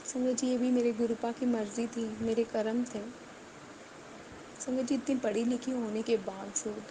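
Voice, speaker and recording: A woman's voice: a little high, background noise. A woman giving an earnest, emotional devotional testimony, repeating her phrases and speaking straight to her listeners.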